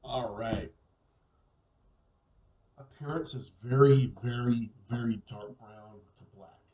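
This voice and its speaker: A man casually reviewing a beer on his own, relaxed and musing, often repeating words as he thinks aloud. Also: mid-range voice, slow, far from the mic, dull audio.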